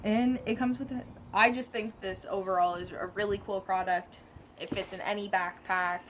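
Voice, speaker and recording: Steady in tone and fairly bright, this woman's medium-pitched voice moves at normal speed with a little hiss or hum underneath. She reviews a product hands-on in an informal, chatty way, correcting herself as she talks.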